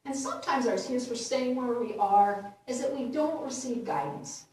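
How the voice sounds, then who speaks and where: A woman minister giving a gentle, unhurried sermon, laughing lightly at her own jokes. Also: a little high, animated. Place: church sanctuary. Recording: roomy echo from far off.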